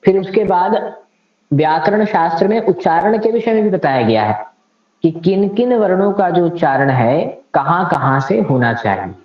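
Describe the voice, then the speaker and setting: A man's voice: sits high, expressive, normal speed. A man teaching Sanskrit grammar in a lecture, explaining it step by step and reciting grammar rules with care. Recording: echoey, slightly dull room recording.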